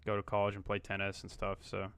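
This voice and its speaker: Man in his 20s from Australia, laid-back streamer who thinks aloud in slang; smooth, close, dry sound. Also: fairly low pitch, monotone, fast talker, a bit bright, no room sound. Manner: mutters to himself, slangy. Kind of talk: casual live-stream chat while coding.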